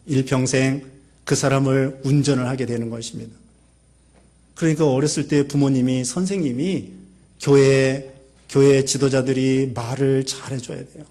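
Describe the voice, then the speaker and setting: A man's voice: medium pitch, steady tone, moderate pace, dark tone. A man preaching a sermon as a pastor, telling stories with emphatic swings, acting out quoted lines.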